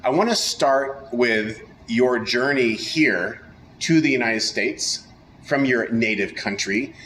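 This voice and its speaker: A man's voice: mid-range voice, takes it slowly, slight background noise, low-quality recording. An enthusiastic middle-aged man hosting an upbeat interview chat with a guest. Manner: enthusiastic, energetic. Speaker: host.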